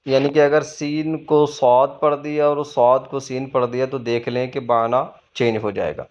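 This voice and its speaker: A man's voice: mid-range voice, steady tone, a little mellow, muffled recording. A man teaching Quran reading to beginners, patiently asking questions and then answering them himself. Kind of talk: explaining a lesson to beginners.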